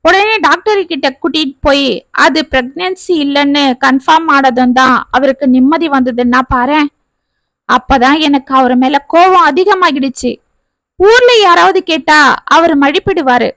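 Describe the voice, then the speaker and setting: A woman's voice: high-pitched, moderate pace, fairly bright tone, dry recording, poor audio. A woman reading the part of a young married woman, hurt and bitter, pouring out her grievances in a family story. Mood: aggrieved.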